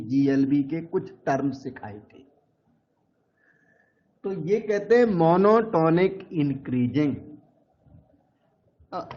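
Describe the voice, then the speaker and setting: A man with a high voice lectures on maths at an unhurried pace, going over each step patiently and repeating the key terms. The recording is dull and lo-fi. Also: a little mellow. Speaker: maths teacher.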